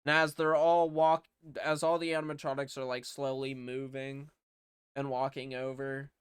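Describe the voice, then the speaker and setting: A man's voice: medium pitch, little pitch movement, normal speed, clear, resonant tone, no echo, studio quality. A man casually recapping a movie plot in a loose, rambling way, with swearing and lots of fillers. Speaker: movie reviewer.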